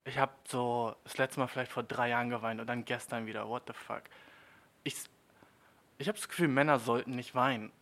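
A young man in a comedic monologue, talking in rambling street slang. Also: a bit bright. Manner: slangy, rambling, jumps to high squeaky mock voices.

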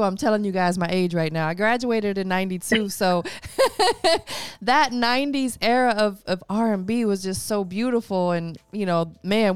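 A woman's voice: mid-range voice, clean tone, no echo. A woman in her forties hosting a casual interview, upbeat and affirming, often laughing along with her guest. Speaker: host.

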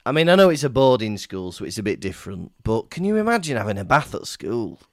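A man's voice: medium pitch, very animated, fast talker, no echo, clean studio sound. A man co-hosting a comic podcast, recapping a book chapter with casual swearing and jokes. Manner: swears casually, jokey, drops fillers. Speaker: podcast co-host.

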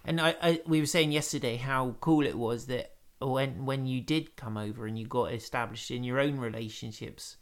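A man's voice: mid-range voice, normal speed, few pauses. A man who leads a church, reminiscing in an affirming, encouraging way in a casual faith conversation.

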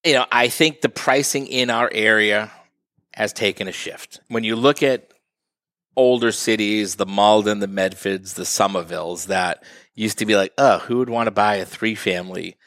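Guy with a lowish voice explaining real estate stuff, dry close sound, keeps doing little quotes of buyers. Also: moderate pace, fairly bright tone, dry recording. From northeastern Massachusetts. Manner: explains at length, acts out what buyers say. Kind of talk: casual interview talk.

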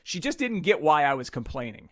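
Podcast host, male, higher voice, very lively exasperated delivery, dry close sound. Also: moderate pace, dry recording. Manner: exasperated ranting storyteller, acts out quotes. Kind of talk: casual chat.

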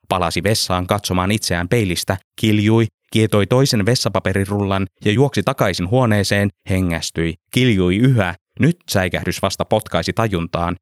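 A man with a very low, deep voice narrates a story in a calm, measured way. The recording is close and completely dry, with no room sound at all. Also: dry recording.

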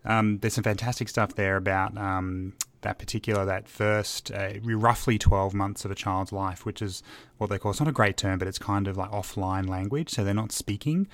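A man's voice: fairly low pitch, fairly even intonation, normal speed, no room sound. A man co-hosting a podcast, talking in a casual, emphatic and passionate way. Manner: emphatic and passionate, talks with his hands up. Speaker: podcast co-host.

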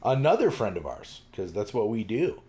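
A man's voice: fairly low pitch, sing-song, normal speed, warm tone. A man co-hosting a podcast in casual chat, rambling with lots of fillers and restarts. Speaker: podcast co-host.

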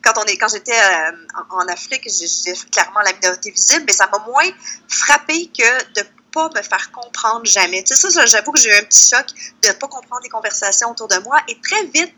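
Over poor audio, a woman with a Lac-Saint-Jean Québécois accent from Quebec, Canada animatedly recounts stories while chatting casually as an interview guest. Her voice sits on the high side, bright and forceful, at a fairly quick pace.

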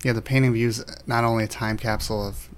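Relaxed male podcast host. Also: fairly low pitch, fast talker. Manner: relaxed, reflective questioning. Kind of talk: casual interview chat.

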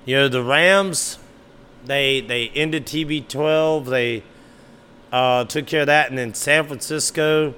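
A man's voice: medium pitch, takes it slowly, sharp tone, a little hiss or hum. A man hosting a solo sports podcast, talking casually and animatedly, sometimes arguing back at imagined listeners. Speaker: podcast host.

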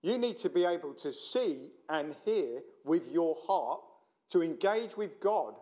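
A middle-aged man with a South London accent gives an informal sermon as a visiting preacher. His voice sits a little high for a man. He talks in a chatty, blokey, self-deprecating style, joking with his listeners. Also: animated, unhurried, dark tone. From South London, England. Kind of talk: informal sermon to a church meeting.

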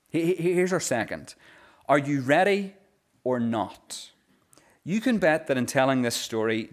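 A pastor delivers a sermon in an earnest, mid-range voice. He tends to repeat words at the start of phrases and slows his pace when reading scripture aloud.

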